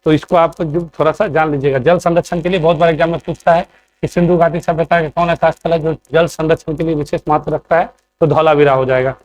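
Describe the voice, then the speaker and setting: A man's voice: fairly high pitch, little pitch movement, fast talker, darkish tone, a little hiss or hum. A man teaching an exam coaching class, posing quiz questions and answering them himself, checking in with the students again and again. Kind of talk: classroom lecture.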